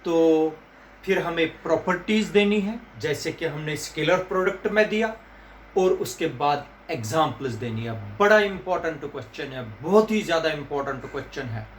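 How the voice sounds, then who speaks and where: A man teaching physics to students, repeating key terms slowly and calling them "beta". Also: a little high, a little hiss or hum. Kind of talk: classroom lecture. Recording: echoey room with faint ambience.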